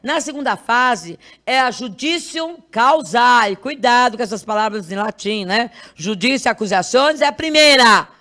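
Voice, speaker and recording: A woman's voice: on the high side, animated, moderate pace, hardly any pauses, pushed and bright. Quizzing Brazilian woman law teacher. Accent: Brazilian Portuguese. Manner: constantly quizzes students with rhetorical questions; repeats and drills key terms. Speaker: law exam prep teacher. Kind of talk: exam review lecture.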